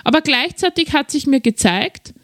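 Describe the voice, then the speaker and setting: A middle-aged woman tells a confessional story from her own life. Her voice sits a little high and comes across close and dry, with no room around it. She lingers on key words for emotional weight. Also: animated, normal speed, dry recording. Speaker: podcast host and keynote speaker. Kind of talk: personal storytelling monologue.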